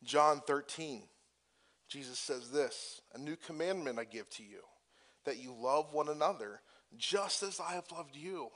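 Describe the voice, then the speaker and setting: A man's voice: a little high, animated, a little slow, fairly bright tone. A man preaching a sermon as pastor, moving from conversational asides with restarts to impassioned, emphatic peaks.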